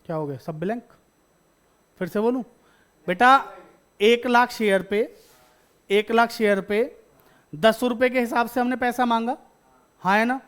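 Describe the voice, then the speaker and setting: A man's voice: extremely high pitch, steady tone, normal speed, long pauses, smooth. Man, classroom teacher, repeats questions, answers them himself. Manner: addresses students as beta. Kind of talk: classroom lecture.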